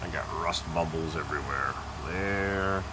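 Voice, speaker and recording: A man's voice: sits low, a little slow. A man narrating a casual vlog in an offhand, rambling way, in short phrases with asides. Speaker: car owner giving a tour of his vehicles. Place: vehicle warehouse. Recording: noisy, car engine idling in warehouse. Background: idling car engine.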